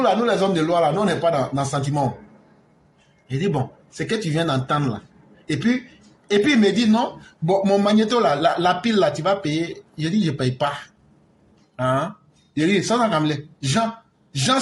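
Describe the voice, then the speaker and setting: A man with an Ivorian French accent, a political commentator who retells conversations in lively storytelling and slips in street slang. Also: on the high side, echoey room.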